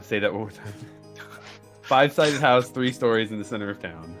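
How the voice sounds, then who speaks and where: A man with a fairly low voice narrates a tabletop game. He feels his way haltingly through each description as game master, over background music. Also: expressive, a bit bright. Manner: halting, searching for words.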